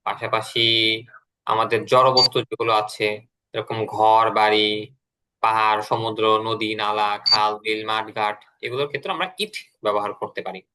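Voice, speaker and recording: A man teaching English to adult learners in an online class, patiently repeating words slowly for them to follow. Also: on the low side, steady tone, sharp tone, clean tone, poor audio.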